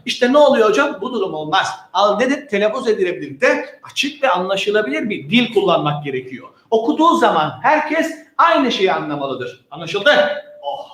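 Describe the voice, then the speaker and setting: A man with a strikingly high voice gives an exam-prep lecture. He is animated and playful, uses slang, and keeps asking questions and answering them himself. The sound is roomy and echoey. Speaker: teacher. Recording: echoey room.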